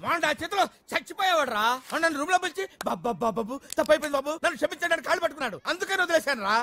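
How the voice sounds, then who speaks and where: An actor playing a short-tempered, boastful man in a film comedy, scolding loudly. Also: very high voice, lively intonation, racing, creaky, slight background noise, heavily acted. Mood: boastful ranting. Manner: loud scolding, bossy and boastful. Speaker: comic film character. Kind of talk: Telugu film comedy scene. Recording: film soundtrack with loud music.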